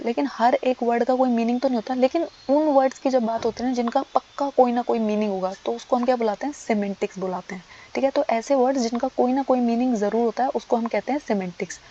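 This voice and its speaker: A woman's voice: a little high, mellow, slight background noise. A woman teacher gives an exam-prep lecture, asking herself questions and answering them. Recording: dull lo-fi audio.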